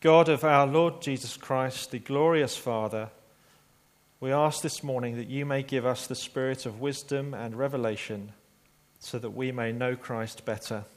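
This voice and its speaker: A man preaches a sermon, telling a story earnestly in a steady, medium-pitched voice. He slows down and grows quiet for emphasis.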